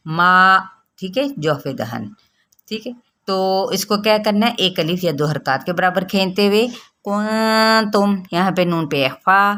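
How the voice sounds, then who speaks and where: Woman tajweed teacher, lowish voice, patient and methodical, stretches words slowly when demonstrating. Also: a bit bright. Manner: patient step-by-step explaining, drawing out recited words slowly. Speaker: Quran recitation teacher. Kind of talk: tajweed lesson.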